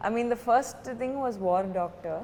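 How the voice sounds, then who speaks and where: A woman's voice: on the high side, extremely slow, a little mellow. A woman, an actress guest, giving dry, joking answers in a casual interview. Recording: roomy reverb, faint background noise.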